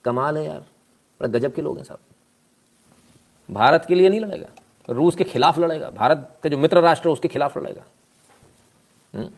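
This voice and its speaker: A man's voice: fairly high pitch, normal speed, gravelly, pauses often, a little mellow. A man doing casual live-stream news commentary, sarcastic and scolding, reading out viewer comments and thanking them.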